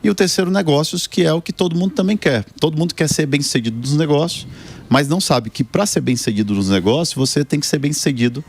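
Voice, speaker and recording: Fairly high-pitched and expressive, with vocal fry and a slightly mellow quality, a Brazilian man in his forties talks fast as a talk show guest. Earnest and motivational, he discusses his book and life, sprinkling in many "né?" tags.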